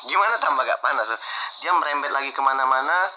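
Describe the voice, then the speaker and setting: A man telling the story of a heated dispute in a conversational, animated way, acting out what others said, with frequent "eh" fillers. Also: mid-range voice, fast, background noise. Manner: animated, acts out quoted exchanges, frequent "eh" fillers. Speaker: martial artist guest recounting events.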